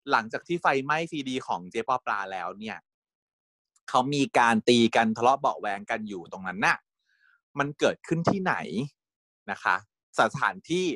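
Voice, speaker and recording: Man, co-host of a casual review chat; animated delivery, dry close sound. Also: medium pitch, no echo. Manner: lively, chatty, laughs often, addresses viewers directly.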